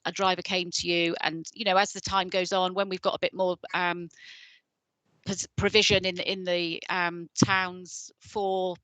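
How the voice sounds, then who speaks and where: A woman with a fairly low voice explains policy to a council committee over a video call. She talks hesitantly, restarting her sentences and filling gaps, in a dry, close sound. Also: little pitch movement, measured pace, fairly bright tone, dry recording, rough recording. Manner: hesitant, many restarts and fillers. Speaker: council licensing officer. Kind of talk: explaining policy in an online meeting.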